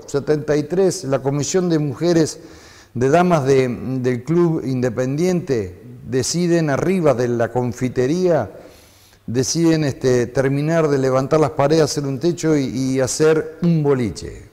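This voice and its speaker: A mellow, dark-toned Argentine man in his fifties reminisces at length, wandering through his story with plenty of fillers. His voice carries a long reverb tail in the room. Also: fairly high pitch, a little slow. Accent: Argentine Spanish. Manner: reminiscing, rambling with frequent fillers. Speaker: interview guest, former DJ. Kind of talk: conversational interview.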